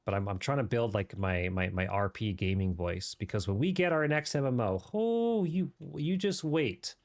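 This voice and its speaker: A man's voice: lowish voice, animated, brisk. A man streaming a game live, chatting casually and riffing off the cuff in a rambling way. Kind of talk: casual livestream chat while gaming.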